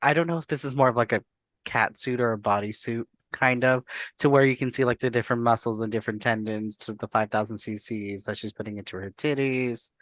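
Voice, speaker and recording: A man's voice: mid-range voice, brisk, fairly bright tone, dry recording. A man co-hosting a casual panel review, talking through his critique conversationally. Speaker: podcast co-host reviewing drag looks.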